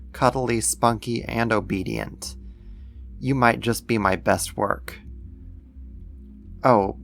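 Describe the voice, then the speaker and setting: A man in an ASMR roleplay voices a doting alien creator comforting a human pet, affectionate and gently possessive. His voice sits on the low side with vocal fry.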